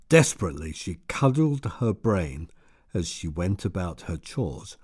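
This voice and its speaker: A man reading an audiobook in a measured, steady storytelling manner. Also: deep voice, slightly rough. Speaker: audiobook narrator. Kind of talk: scripted narration.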